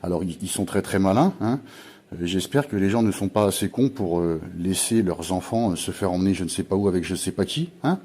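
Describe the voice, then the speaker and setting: Middle-aged guy ranting on his vlog, husky dark voice, keeps saying hein and pushing his viewers. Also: deep voice, expressive, a little fast. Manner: insistent, repeats "hein" constantly, urging viewers. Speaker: video channel host. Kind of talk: agitated conspiracy vlog.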